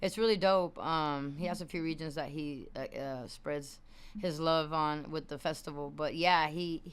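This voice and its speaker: A young adult woman, the guest musician, chatting casually in an interview, full of slang and shout-outs. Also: sits low, fairly even intonation, normal speed, clean tone.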